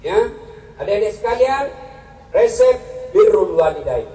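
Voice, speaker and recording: A man preaching a humorous sermon to a live audience, joking and acting out quarrels in high and low voices. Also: sing-song, a little slow, dark tone. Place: large hall with a live audience. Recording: echoey, from far off, crowd and noise behind.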